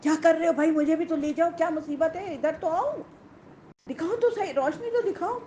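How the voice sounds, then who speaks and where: A woman's voice: dark tone, lo-fi sound, a little hiss or hum. A woman putting on a frantic pleading soul. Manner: frantic high-pitched pleading. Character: desperate pleading hypocrite begging for light. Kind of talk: religious lesson with acted quotes.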